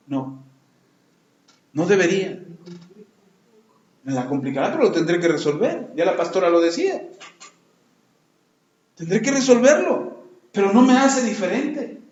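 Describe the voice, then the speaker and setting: High-voiced pastor preaching in an echoey room. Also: male voice. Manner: acts out quoted complaints in lively voices. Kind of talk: sermon. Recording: echoey, muffled lo-fi room recording.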